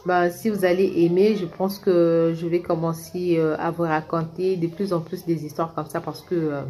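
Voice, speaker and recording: A middle-aged vlogger from Kinshasa, Congo, tells a personal story in a casual storytime monologue, speaking directly to viewers and frequently restarting sentences. Her voice is fairly low and dark, with little pitch movement, at a moderate pace.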